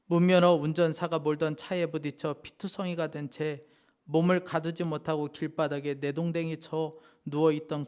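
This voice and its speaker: A man preaching a Sunday sermon in church. His voice sits a little high for a man. He reads a moving story aloud and then turns to address the congregation directly. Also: darkish tone, clear, resonant tone. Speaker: pastor. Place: church sanctuary.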